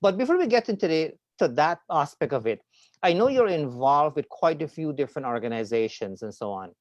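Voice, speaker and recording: A man's voice: fairly high pitch, big pitch swings, a little fast, dry recording, lo-fi sound. A man hosting an online talk show, chatting in a friendly, rambling way with plenty of fillers. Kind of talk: casual interview chat.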